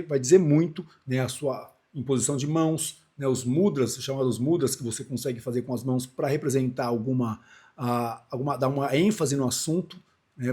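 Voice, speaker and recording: A man's voice: mid-range voice, dark tone, slightly rough. A man in his forties from Brazil, giving a loose, conversational lesson on public speaking with frequent restarts and asides. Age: 40s. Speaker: speaking coach. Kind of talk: casual on-camera lesson.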